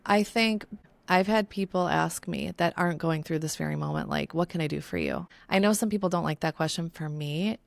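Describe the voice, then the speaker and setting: A woman co-hosting a podcast in casual chat, her voice low with a gravelly edge. She sounds close to tears yet stays candid and swears freely. The recording is dry and close. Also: expressive, a little fast, dry recording. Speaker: podcast co-host.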